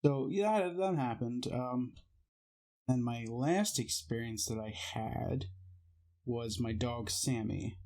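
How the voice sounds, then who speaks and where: A man's voice: mid-range voice, slow pace, creaky, a little mellow. Man telling ghost stories casually. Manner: meandering, matter-of-fact retelling. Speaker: channel host. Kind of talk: casual personal storytelling.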